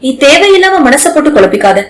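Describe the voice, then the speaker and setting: A woman voicing a caring young husband who consoles his wife in a calm, gently lecturing way. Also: on the high side, moderate pace, roomy sound, lightly acted, poor audio. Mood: firm.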